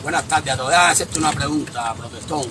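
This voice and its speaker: A man's voice: fairly high pitch, fast talker, noisy background. A man calling into a livestream from outside, taunting and provoking the host. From Cuba. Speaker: livestream caller. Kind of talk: confrontational call-in.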